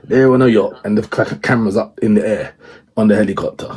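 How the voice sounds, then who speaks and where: A man's voice: lowish voice, fairly even intonation, quick pace, darkish tone, slight background noise. A man in casual podcast chat, talking emphatically and often checking that the listener follows.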